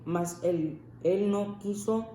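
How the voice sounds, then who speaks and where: A student slowly reading Bible verses aloud in class, stumbling and restarting over words. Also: mid-range voice, dark tone. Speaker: scripture reader in class. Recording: echoey room with faint noise.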